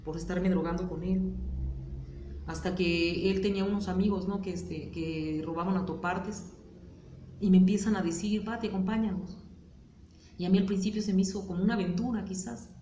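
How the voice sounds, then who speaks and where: A woman's voice: medium pitch, steady tone, moderate pace, mellow, echoey room, slight background noise. A woman with a Mexican Spanish accent, speaking candidly and hesitantly in a personal testimony interview, with many fillers and tag questions.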